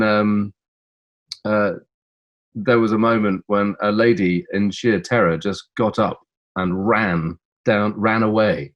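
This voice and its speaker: A man's voice: fairly low pitch, fairly bright tone. A middle-aged man co-hosting a quiz, reading answer options with teasing relish. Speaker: quiz co-host.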